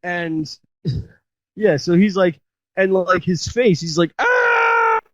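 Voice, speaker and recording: A man's voice: high-pitched, fairly even intonation, slow, no echo, dull audio. A man hosting a podcast, casually retelling a horror movie with many fillers and restarts. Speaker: podcast host. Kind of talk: casual chat.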